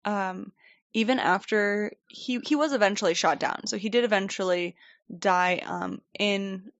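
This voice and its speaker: A podcast co-host tells a story in a chatty, rambling way, laughing often during a casual storytelling chat. Her medium-pitched voice is unhurried, recorded on a desk microphone with a dry, lo-fi sound.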